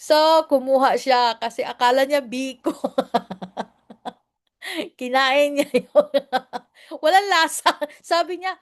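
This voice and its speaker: A woman pastor speaks to her congregation in a relaxed, chatty way, often breaking into laughter. Her voice sits a little high, and she takes her time as she tells her stories. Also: slow, long pauses. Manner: mixes in English phrases. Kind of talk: casual sermon storytelling.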